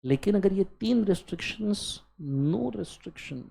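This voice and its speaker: A man's voice: sits high, animated, slow, gravelly, mellow, breathy edge. A man with an Indian accent giving a law lecture in a mix of Hindi and English. He drills his students in call-and-response chants and scolds them playfully. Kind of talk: classroom lecture.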